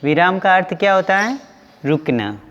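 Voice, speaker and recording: A man teaching an online class to young pupils, going slowly and repeating each question with its answer. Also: sits high, expressive, a bit bright, in a large hall, muffled recording. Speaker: school teacher.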